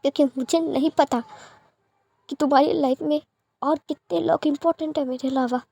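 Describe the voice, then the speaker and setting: A woman voicing an angry young man scolding and shouting at his beloved in a storybook reading. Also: sits high, steady tone, moderate pace, creaky, dry recording.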